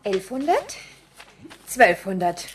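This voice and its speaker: A woman's voice: mid-range voice, huge pitch swings, takes it slowly, husky, heavily acted. A woman voicing Anna, a bold, mocking gang leader in a radio play. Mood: taunting. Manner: taunting, self-assured.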